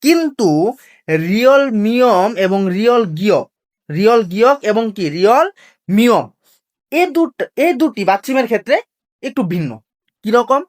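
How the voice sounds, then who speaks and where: A patient teacher walks through a video lesson. They ask quick questions of the audience, answer them, and repeat each point carefully. The pitch sits in a middle range. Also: animated. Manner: slow, careful drilling of pronunciation rules. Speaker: language teacher. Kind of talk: classroom-style video lesson.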